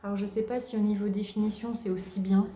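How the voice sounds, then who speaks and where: A woman hosting a craft podcast, casually showing her work and pausing often with fillers. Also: medium pitch, flat delivery, dark tone, a little hiss or hum. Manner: hesitant, many filler pauses. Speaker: podcast host. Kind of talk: casual show-and-tell chat. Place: at home. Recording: roomy echo.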